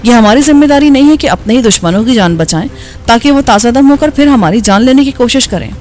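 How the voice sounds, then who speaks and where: A woman's voice: on the high side, expressive, soft background music, lightly acted. A woman voicing Gloria, a furious scornful woman. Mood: harsh. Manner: sharp, contemptuous and shouting. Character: angry scornful young woman gang member.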